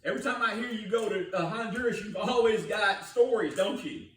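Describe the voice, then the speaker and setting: With a high-pitched, brisk and somewhat bright voice, an older pastor preaches a folksy, storytelling sermon, often addressing questions to his congregation. The setting is a church sanctuary, recorded roomily from a distance.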